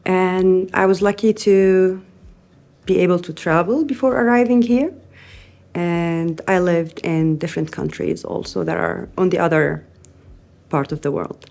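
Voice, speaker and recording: A middle-aged woman from Syria, a native Arabic speaker, giving an earnest interview with frequent pauses and restarts. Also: on the low side, steady tone, vocal fry, a little mellow. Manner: earnest, thoughtful, frequent hesitations. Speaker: interviewee, newcomer parent. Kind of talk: interview testimony.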